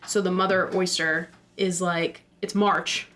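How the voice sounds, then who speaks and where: A woman's voice: on the low side, flat delivery, unhurried, fairly bright tone. A woman co-hosting a podcast, chatting casually and explaining things with fillers and the odd swear word. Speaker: podcast co-host. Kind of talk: casual chat.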